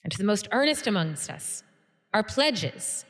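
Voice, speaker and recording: A woman's voice: medium pitch, big pitch swings, a little slow, a bit bright, pitched above the performer's own voice. A woman voicing a grand female guild leader who gives a ceremonious, commanding speech in a tabletop game. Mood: stately. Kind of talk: tabletop game role-play. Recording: long reverb, faint music behind.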